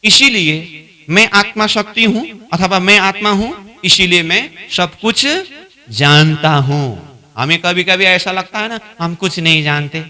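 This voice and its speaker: Male spiritual trainer, unhurried lecture, high bright tone, acts out little dialogues. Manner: repeats points and asks the class questions; acts out both sides of a dialogue, louder as it escalates.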